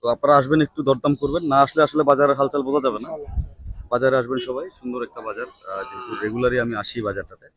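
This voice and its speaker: Husky-voiced man touring a cattle market. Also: mid-range voice, steady tone, no echo. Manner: talks slowly and softly on purpose. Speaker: market vlogger host. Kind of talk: walking vlog, bargaining and addressing viewers.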